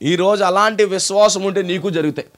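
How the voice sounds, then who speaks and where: The pastor, whose accent is Telugu, keeps a fairly quick pace in his high, ringing sermon voice. He recounts the story in bursts of rhetorical questions and call-and-response, making sure the congregation gets the point.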